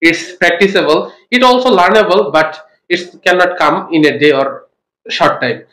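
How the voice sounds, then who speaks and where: A young Bangladeshi man, a student, answering test questions in halting English with pauses and the occasional cough. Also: high voice, expressive, a bit bright. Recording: echoey classroom.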